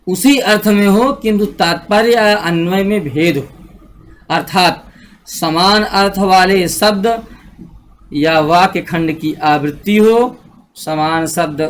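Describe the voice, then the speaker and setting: A male grammar teacher giving a classroom lecture, explaining slowly, repeating each rule and checking that students follow. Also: high voice.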